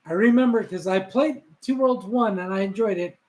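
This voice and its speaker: A man's voice: sits high, moderate pace, darkish tone, poor audio. A man co-hosting a gaming podcast, talking casually in profane slang and laughing often. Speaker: podcast co-host.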